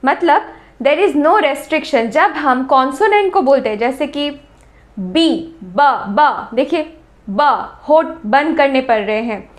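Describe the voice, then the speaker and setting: A woman with an Indian accent teaching English grammar, explaining slowly and repeating sounds and words to demonstrate them. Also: high voice. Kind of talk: classroom-style lesson explanation.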